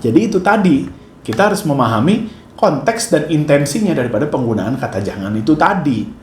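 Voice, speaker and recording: A man talks casually about parenting in a conversational, joking way, his voice sitting a little high. The room is echoey, with a faint noise underneath. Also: big pitch swings, brisk. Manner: conversational, joking, switches into acted scolding. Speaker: father and parenting commentator. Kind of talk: casual monologue to camera.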